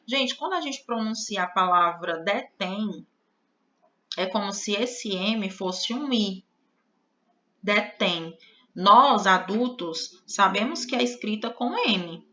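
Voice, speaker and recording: A woman's voice: mid-range voice, animated, slow pace, pushed and bright. A Brazilian woman with a Brazilian Portuguese accent teaching an online grammar lesson, explaining patiently and checking in with her viewers often. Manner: explanatory, addresses viewers as "gente", frequent "né?" and "ó". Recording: slightly dull lo-fi audio.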